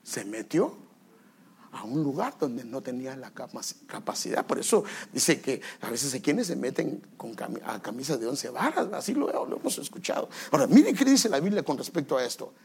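A man's voice: mid-range voice, sing-song, moderate pace, gravelly, darkish tone, a little hiss or hum. A male pastor giving a sermon, building to emphatic exhortation and acting out quoted voices.

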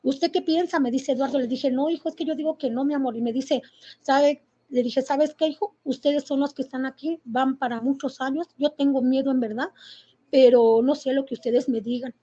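Middle-aged Mexican woman, interviewee, high mellow voice, halting emotional telling, muffled lo-fi sound. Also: steady tone. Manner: halting and emotional, with many fillers and restarts. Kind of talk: personal testimony. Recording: muffled lo-fi recording.

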